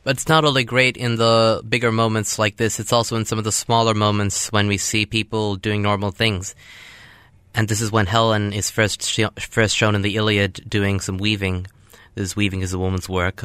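A man hosting a show, reading epic verse aloud with his own commentary in a measured way. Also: lowish voice, flat delivery, a bit bright, clear, resonant tone, no echo. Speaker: host reading classic literature.

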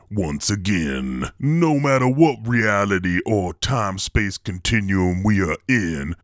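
A man voicing a grimy, boastful male pirate radio DJ who calls himself the king of mess, talking in a slow, folksy drawl. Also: deep voice, dry recording, clean studio sound. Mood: hyped. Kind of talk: actual-play radio show bit.

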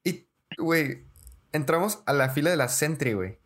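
Young man, podcast co-host, slangy, animated storytelling. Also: a little high, moderate pace, slight background noise. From Mexico. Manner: slangy, says "güey" constantly, animated storyteller. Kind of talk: casual storytelling chat.

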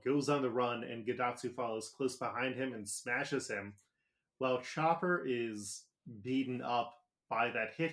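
A male podcast co-host talks through an episode recap in a loose, joking way. He laughs along and peppers his telling with filler words. His voice sits at a middling pitch.

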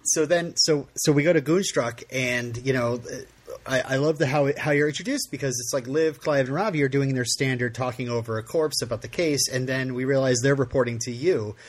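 Husky-voiced man hosting an interview. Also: medium pitch, brisk. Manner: hesitant, many restarts and fillers, friendly. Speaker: podcast host. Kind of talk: casual interview conversation.

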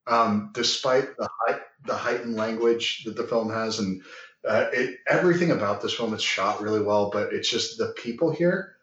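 A man co-hosting a casual film discussion, relaxed and musing, agreeable with his co-host. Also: fairly low pitch, normal speed. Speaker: podcast co-host. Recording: roomy, dull-sounding mic.

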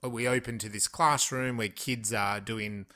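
A man's voice: mid-range voice, steady tone, measured pace, pushed and bright. A man with an Australian accent co-hosting a casual film discussion, chatty, laughing often and trailing off mid-sentence. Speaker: podcast co-host.

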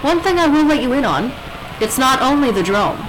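A woman's voice: high voice, sing-song, brisk, background noise. A woman playing a defiant rebel leader who broadcasts threats in a grand, coolly menacing manner. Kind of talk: audio drama acting.

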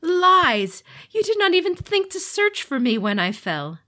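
A woman voicing a furious, jealous fallen male demigod who shouts bitter accusations in a storybook reading. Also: sits high, animated, normal speed, pitched above the performer's own voice.

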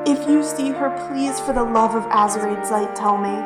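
A man's voice: very high-pitched, moderate pace, reverberant, far from the mic, pitched above the performer's own voice. A man voicing a weeping, desperate mother who struggles to get her words out while searching for her lost child. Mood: pleading, tearful. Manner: crying, struggling to speak. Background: loud music.

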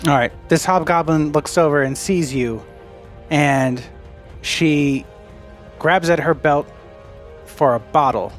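A man running a tabletop game as game master, narrating quickly and playfully with frequent laughs. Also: on the high side, soft background music.

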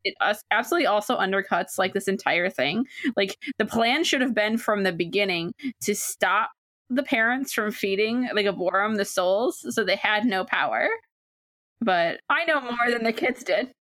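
A woman's voice: medium pitch, animated, moderate pace, a bit bright, no echo. Woman co-host, casual analytical chat, dry close sound. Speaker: podcast co-host. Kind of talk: casual comic book podcast chat.

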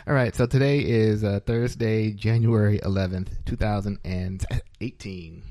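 A man's voice: fairly low pitch, steady tone, normal speed, warm tone, no echo. A man hosting a podcast in a small studio, chatting casually, joking and laughing often. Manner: jokey, laughs often, loose filler-heavy talk. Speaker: podcast host.

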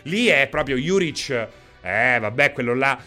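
A man's voice: medium pitch, expressive, a little slow, pushed and bright, soft background music. A man chatting casually on a live stream, reading out viewers' names, laughing often.

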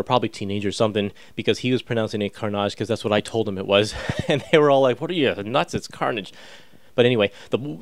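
Man, thirties, low voice, dry close sound, chatty podcast host, enthusiastic, informal. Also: clean tone, no room sound. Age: 30s. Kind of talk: casual chatty podcast hosting.

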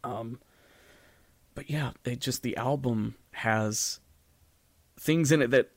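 Speaking slowly in a medium-pitched voice, this man co-hosts a podcast and talks loosely about music and theatre, working out his thoughts hesitantly out loud. The sound is clean studio audio with no echo.

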